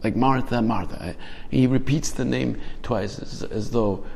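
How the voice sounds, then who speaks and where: A man's voice: medium pitch, fairly even intonation, measured pace, gravelly, mellow, slight background noise. A man giving a reflective homily, asking his listeners many questions and often restarting his phrases. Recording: hall reverb.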